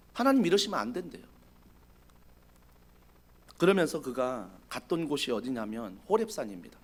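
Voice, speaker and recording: A male pastor preaching a sermon, dramatic, swinging from loud pleading to a hushed whisper. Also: sits high. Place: church sanctuary.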